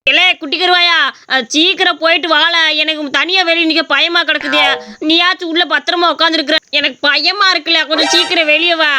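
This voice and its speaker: A woman's voice: very high-pitched, steady tone, a little fast, bright, forceful tone, a little hiss or hum, heavily acted. A woman voicing a grumpy older brother in a cartoon story, scolding in rural speech. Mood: frightened.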